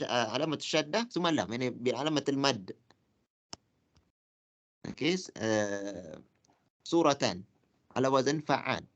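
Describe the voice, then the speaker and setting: A man teaching Arabic grammar in a lecture. He talks haltingly, with many fillers, and repeats words slowly. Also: mid-range voice, fairly bright tone. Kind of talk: classroom lecture.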